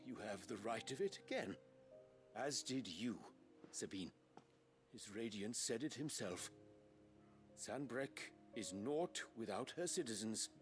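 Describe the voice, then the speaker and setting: A man's voice: mid-range voice, expressive, a little slow, soft background music, natural voice. An actor playing a humbled, stately nobleman in a video game, speaking formally and solemnly. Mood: regretful. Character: humbled stately imperial nobleman, contrite father.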